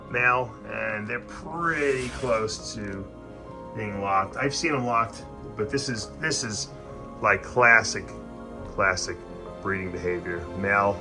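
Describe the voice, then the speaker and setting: A man giving a casual, informal explainer as host of a reptile breeding vlog, talking directly to his viewers. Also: lowish voice. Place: indoor snake breeding facility.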